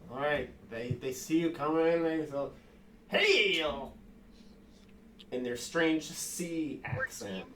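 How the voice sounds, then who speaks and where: Slow-talking man running a tabletop game. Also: a little high, slight background noise. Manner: casual, laughing often, quick asides. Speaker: game master.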